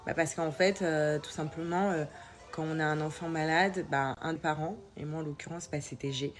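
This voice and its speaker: Over soft background music, a young adult mother chats with followers about family life at a normal pace, her voice low with fairly even intonation. She's informal and a bit hesitant, her nasal, congested tone and sore throat showing she's catching a cold.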